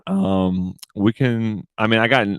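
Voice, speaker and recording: A man's voice: on the low side, slow pace, fairly bright tone, smooth, no room sound. A man in his thirties hosting a casual solo podcast, rambling and swearing with "dude" in every line. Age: 30s. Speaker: podcast host.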